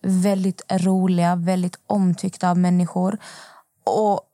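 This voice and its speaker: A woman podcast host in casual conversation, asking gentle, empathetic follow-up questions. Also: lowish voice, flat delivery, dry recording, clean studio sound. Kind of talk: casual interview chat.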